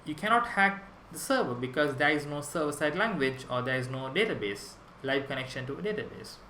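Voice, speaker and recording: Sri lankan guy giving a dev talk, kinda high voice, roomy echo, faint hiss behind. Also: lively intonation, fairly quick, bright, forceful tone. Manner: enthusiastic, explanatory, with small restarts. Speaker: conference speaker, web developer. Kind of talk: prerecorded conference talk.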